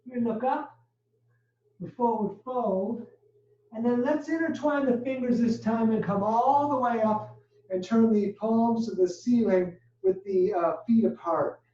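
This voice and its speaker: During a live class, a yoga instructor calls out poses and breathing cues one step at a time, a little breathless from talking through the flow. The voice is mid-range, a little slow and warm, with slight background noise, and the sound is dull and roomy, captured from far off.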